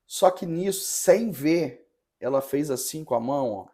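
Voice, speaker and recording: A parish priest talking on a podcast relates a story with earnest hesitation, often stopping and restarting. His voice is fairly high-pitched, animated and mellow.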